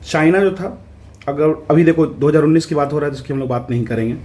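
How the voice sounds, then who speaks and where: A man, an exam prep tutor, explaining answers in a casual lesson, checking in often and reading questions out slowly. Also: on the high side, darkish tone, a little hiss or hum. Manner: conversational, repeats "ठीक है" to check in, reads English questions out slowly.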